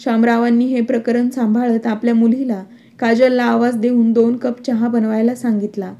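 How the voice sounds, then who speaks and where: A woman narrating a scripted moral story in a steady, even storytelling manner. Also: on the high side, normal speed, gravelly.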